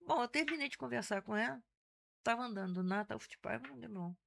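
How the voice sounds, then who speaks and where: A woman in her sixties with a Carioca accent, speaking as an interview guest. Her voice has a gravelly, fry-edged texture. She tells her stories with animation and keeps restarting her sentences. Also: on the high side, fast talker. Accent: Carioca Portuguese. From Brazil (Rio de Janeiro). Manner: animated storyteller, frequent self-restarts. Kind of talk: casual conversational interview.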